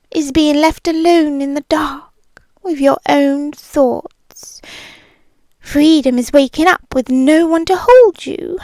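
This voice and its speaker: An ASMR roleplay performer, a British-accented woman, voices a possessive, obsessive rich young girlfriend. Her high-pitched, soft, breathy whisper is slow, intimate and menacingly sweet, captured close to the microphone with no room sound.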